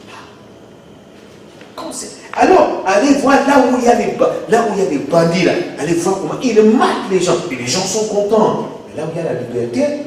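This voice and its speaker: A man's voice: sits high, darkish tone, slight background noise. A man preaching a sermon as pastor, emphatic and given to repeated rhetorical questions. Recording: echoey hall, voice far from mic.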